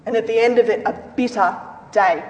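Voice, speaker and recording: A woman with a fairly high voice, speaking at a moderate pace, reads scripture in a church dramatic reading, solemn, declamatory and emphatic. The hall is echoey with long reverb.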